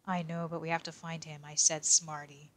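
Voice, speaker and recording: Quiet young male detective, woman voicing: low, flat, in-character fanfic reading. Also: moderate pace. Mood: deadpan reading.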